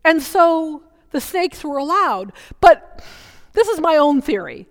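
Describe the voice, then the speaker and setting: A woman's voice: high voice, big pitch swings, takes it slowly. A woman pastor preaching a sermon in a conversational, humorous storytelling way, recorded in a church. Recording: reverberant church sanctuary.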